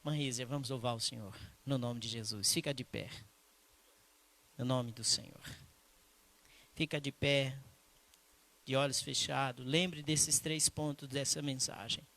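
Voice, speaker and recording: In a steady, mid-range voice, a male pastor delivers a church sermon, sharing a personal story with emphasis and later slowing into a quiet, hushed prayer.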